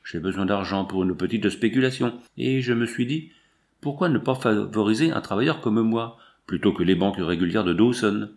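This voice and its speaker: A man's voice: on the low side, moderate pace, a little mellow, lightly acted. A man voicing a portly, self-satisfied businessman who talks in an unctuous, pompous way. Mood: smug. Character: smug, portly male banker-saloon owner, self-satisfied.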